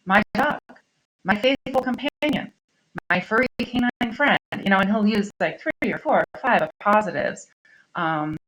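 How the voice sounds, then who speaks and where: A woman teacher giving a recorded grammar lesson to her students, explaining in a chatty way and checking in with "okay?" often. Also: lowish voice. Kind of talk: recorded online class lesson.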